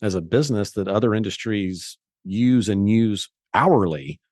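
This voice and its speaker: A man with a fairly low voice answers as a guest in a conversational interview. He explains in a measured way, often restarting his sentences. The recording is close and dry. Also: darkish tone, dry recording. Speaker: guest, investor.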